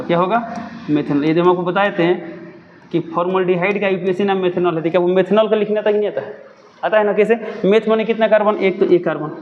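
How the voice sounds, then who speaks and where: A young man teaches a classroom lesson at a fast clip in a fairly high voice, and he keeps asking questions and answering them himself. The recording is dull and lo-fi, with a long, hall-like reverb and faint background noise. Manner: repeats his own questions and answers them.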